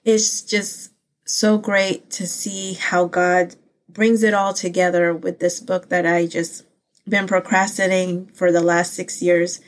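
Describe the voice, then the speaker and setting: Taking it slowly, with a lowish voice and flat delivery, the channel host shares her faith in a casual personal vlog. She was born in the Philippines, her first languages being Pangasinan and Ilocano. Her speech is earnest and heartfelt, full of fillers and restarts as she rambles.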